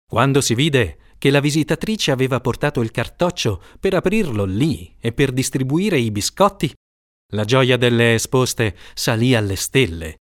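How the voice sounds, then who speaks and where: A man narrating an audiobook in a steady, expressive reading voice. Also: medium pitch, moderate pace, no room sound, clean studio sound.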